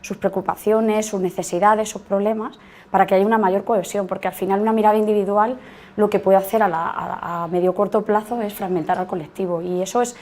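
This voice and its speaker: A woman's voice: mid-range voice, steady tone, brisk, darkish tone. Hesitant woman leading a workshop. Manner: hesitant, restarts often, reflective. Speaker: workshop facilitator. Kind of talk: informal workshop talk. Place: meeting room.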